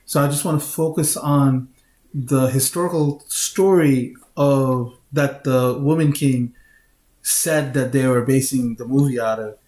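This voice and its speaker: A man co-hosting a podcast, explaining at a measured pace and stumbling over repeated words. His voice is middle-pitched. It echoes around the room. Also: fairly even intonation, darkish tone. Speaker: podcast co-host. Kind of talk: casual chat.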